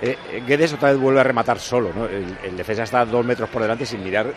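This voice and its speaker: A man's voice: mid-range voice, quick pace. A man with a Spanish accent from Spain hosting live football radio in a casual, chatty style. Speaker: sports radio host. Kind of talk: casual live match chat. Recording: noisy stadium broadcast. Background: ambient noise.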